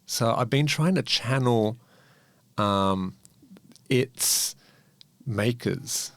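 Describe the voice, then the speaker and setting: A man co-hosting a podcast in casual chat, rambling and animated, swearing freely. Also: mid-range voice, extremely slow, no room sound. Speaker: podcast co-host.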